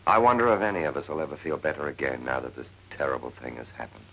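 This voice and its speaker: A man's voice: a bass voice, fast talker, fairly bright tone, breathy edge, heavily acted. A man acting an exasperated, wry character with sardonic screwball banter in a 1940s comedy film. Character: exasperated, wry man convinced his brother returned as a dog. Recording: muffled vintage film soundtrack.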